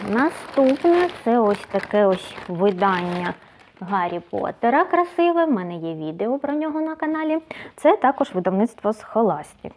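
A woman's voice: medium pitch, a little mellow, slight background noise. A woman book blogger in a casual vlog, chatting and thinking aloud as she sorts books. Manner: chatty, thinks aloud, often says "so" between items.

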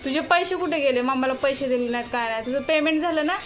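Young mom, high voice, coaxing and teasing her toddler in a home vlog over faint music. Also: fast talker. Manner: coaxing, teasing talk with a little child. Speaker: mother and vlogger. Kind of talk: casual family vlog talk.

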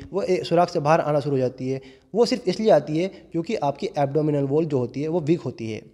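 A young gym owner in his twenties, with a slightly high voice and dark tone, explains fitness earnestly to camera and addresses viewers as friends. The setting is a large indoor gym, where he uses a hand-held lapel mic and the sound has the long reverb of the hall.

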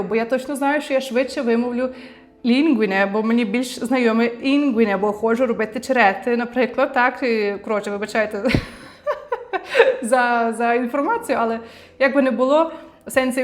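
A woman giving a chatty, playful online language lesson as the teacher, encouraging her students to repeat words aloud. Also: on the high side.

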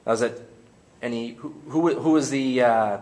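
A man's voice: medium pitch, normal speed, a little mellow, slight background noise. A man interviewing players at a postgame press conference, rambling and restarting his questions.

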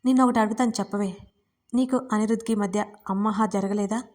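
A woman doing a cheeky young woman in a spoken romance story. She pries and teases her best friend in a chatty, playful way, pitched a shade above the narrator's own middle voice. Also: steady tone, brisk, darkish tone, lightly acted. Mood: teasing. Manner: chatty, prying, playfully mischievous. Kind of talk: audiobook character reading.

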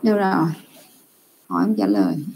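A young adult woman teaching an online class, correcting students' answers with patient, drawn-out explanations over a computer mic. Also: low-pitched, sing-song, a little mellow.

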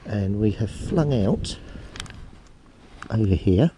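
A man's voice: lowish voice, lively intonation, takes it slowly, warm tone. A man casually narrating his metal detecting on a beach, chatting and rambling to a head-mounted camera outdoors. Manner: chatty, rambling, talks to camera while digging. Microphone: head-mounted action camera. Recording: wind-buffeted outdoor action-camera audio. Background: wind and sea noise.

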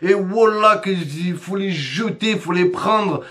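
High-voiced man on a mocking comic rant. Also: takes it slowly, a bit bright. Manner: mocking, teasing, jumps between high and low pitch. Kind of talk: comedic rant to camera.

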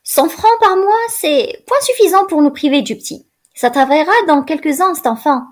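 A woman's voice: high voice, normal speed, a little mellow, pitched above the performer's own voice, close to an everyday voice. A woman voicing a shrewd peasant wife who haggles over money, in a storybook reading. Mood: haggling. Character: greedy calculating peasant wife bargaining.

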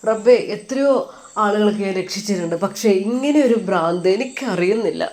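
A woman voicing a soft-spoken grieving young man. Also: medium pitch, lively intonation, brisk, lightly acted. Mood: sorrowful. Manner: soft, quiet and tearful.

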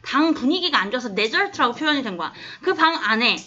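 Bright-voiced woman teaching a class. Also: high-pitched, big pitch swings, quick pace. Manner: coaxing, keeps asking the class if they understand. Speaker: English teacher. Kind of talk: classroom lesson explaining an English text. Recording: dull lo-fi classroom recording.

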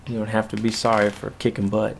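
A man's voice: fairly low pitch, completely flat delivery, quick pace, vocal fry. Easygoing man commentating gameplay. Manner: easygoing, explains each move step by step. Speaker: host narrating a squad's match. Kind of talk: casual commentary over recorded gameplay.

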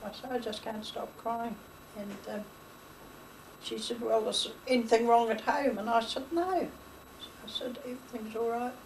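A chatty older "New" woman being interviewed for an oral history, speaking at a moderate pace in a somewhat high voice. She rambles, retells dialogue and laughs along the way. A distant mic picks her up with faint hiss.

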